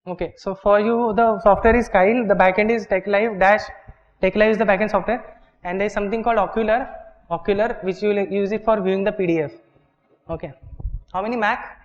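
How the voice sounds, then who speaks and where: In a dull, echoey lecture hall recording, a workshop instructor with an Indian English accent walks his class through things step by step, peppering his explanation with "okay" and "right". His voice is high and steady, and he talks fairly fast.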